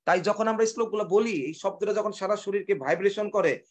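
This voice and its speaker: A man with a high voice preaching a devotional sermon. He poses questions and answers them himself, and he slows down to chant and recite verses. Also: darkish tone. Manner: asks and answers his own questions.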